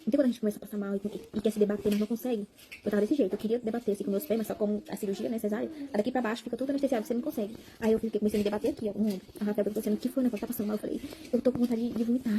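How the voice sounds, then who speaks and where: A woman's voice: medium pitch, noisy background. A young Brazilian woman telling a personal testimony to her viewers in a rambling, emotional way, repeating words and calling out to them. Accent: Brazilian Portuguese. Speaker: vlogger sharing a personal testimony.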